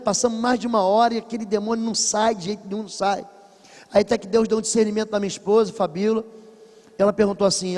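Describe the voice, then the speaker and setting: A high-pitched man with a Brazilian Portuguese accent delivers a sermon in a church. He tells stories emphatically, swinging between hushed passages and loud bursts, and his voice trails off into a long reverb. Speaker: pastor.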